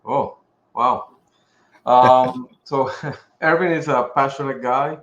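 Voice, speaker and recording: A middle-aged pharmaceutical executive from Puerto Rico, with a Puerto Rican accent, chats casually as a podcast guest. His medium-pitched voice is a bit bright, with fairly even intonation and a slow pace. The recording has roomy echo and slightly dull sound.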